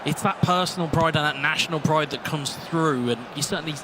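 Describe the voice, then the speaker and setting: A man with a high voice commentates an esports football match in a live broadcast. He calls the play in quick bursts and climbs into shouts at the big moments. Steady background noise sits under his voice. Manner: excitable, rising to shouts at goals.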